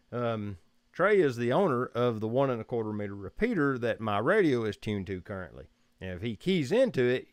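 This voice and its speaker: A man's voice: mid-range voice, no echo. A man with a Southern US accent hosting a casual live-stream chat at home, rambling and easygoing, chuckling often. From Georgia, US. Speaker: photography livestream host. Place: room at home.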